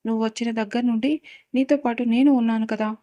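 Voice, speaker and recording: A woman reading out a curious, excitable younger sister who keeps asking questions. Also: a little high, a little fast, dry recording, lo-fi sound, lightly acted. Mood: astonished. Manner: bewildered, pestering questions.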